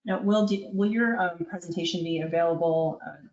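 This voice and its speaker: A woman's voice: lowish voice, steady tone, moderate pace, a little mellow. A woman moderating an online conference session, reading out questions and thanking the speaker in an upbeat way. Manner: upbeat, brief interjections. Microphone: video call. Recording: roomy, dull call audio.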